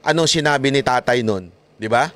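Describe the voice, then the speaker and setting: A man giving casual political commentary as a vlogger, animated and mocking, laughing often between points. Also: mid-range voice, fairly quick.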